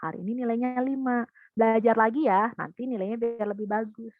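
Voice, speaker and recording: A woman voicing a calm, old-fashioned father who gently praises his child. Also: on the high side, fairly quick, dry recording, phone-quality sound, close to an everyday voice. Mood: encouraging.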